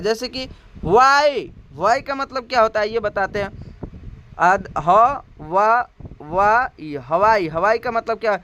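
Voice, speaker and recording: A man's voice: high voice, pushed and bright, highs cut off, a little hiss or hum. A man with a Hindi accent teaching English to Hindi speakers, spelling out words, repeating them and asking his viewers questions. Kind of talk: spoken language lesson.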